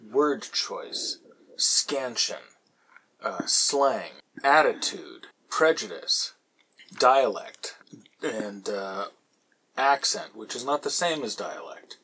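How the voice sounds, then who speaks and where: A man's voice: medium pitch, expressive, slow pace, fairly bright tone, slightly rough, rough recording. A man hosting a podcast who answers a listener's question in a casual, lecturing way, wandering into asides and stopping often for ums and repeated words. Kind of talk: casual explanatory talk.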